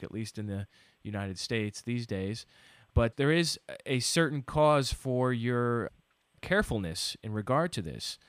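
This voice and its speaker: A man's voice: fairly low pitch, smooth, dry recording. A man hosting a show, interviewing a guest in a conversational way. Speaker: radio show host.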